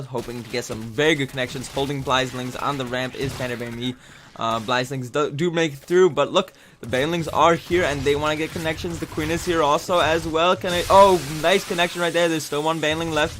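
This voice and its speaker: A man's voice: fairly high pitch, fairly bright tone, slight background noise. Chatty man casting a game replay. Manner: rambling, chatty, many fillers and restarts. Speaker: video game caster. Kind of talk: casual replay commentary.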